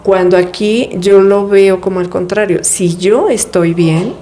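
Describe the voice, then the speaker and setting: A woman's voice: mid-range voice, a little slow, mellow, a little hiss or hum. A woman, a guest in an interview, explaining family dynamics in a reflective way, often posing rhetorical questions. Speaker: guest speaking on family therapy. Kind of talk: conversational interview.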